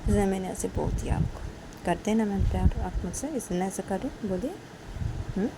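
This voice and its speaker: A woman's voice: medium pitch, fairly quick, gravelly, noisy background, close to an everyday voice. A woman voicing a young female student who pleads and cries, repeating her questions in a whiny way, while telling a story. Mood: coaxing. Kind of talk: storytelling role-play.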